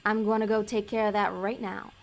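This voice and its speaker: In a comedic audio drama, a woman plays a scheming, bossy female agent of Hell who is brisk, persuasive and quick to get exasperated. Her mid-range voice holds a level tone, lightly acted.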